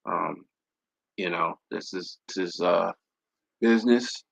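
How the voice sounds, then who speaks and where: In a dull, lo-fi livestream for an aviation channel, a thirtysomething male host chats loosely, wandering through his points with many fillers and false starts. He speaks slowly in a low, creaky voice.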